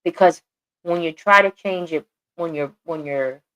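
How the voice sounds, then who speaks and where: A woman with a somewhat low, slightly bright voice speaks at a measured pace, and the audio sounds dull. She's co-hosting a casual podcast chat, talking earnestly and repeating phrases for emphasis.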